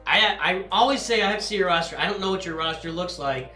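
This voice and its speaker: Bright-voiced man streaming in an echoey room. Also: sits high, quick pace. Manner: rambling, apologetic, answers chat questions aloud. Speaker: livestream host and guild leader. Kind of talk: casual live-stream chat with viewers. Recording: echoey room with faint music.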